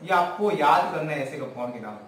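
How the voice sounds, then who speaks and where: A man's voice: fairly high pitch, lively intonation, brisk, fairly bright tone, slight background noise. A man teaching a chemistry class as a lecture. He counts aloud and asks the class questions, then answers them himself. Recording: very echoey room, voice far from the mic.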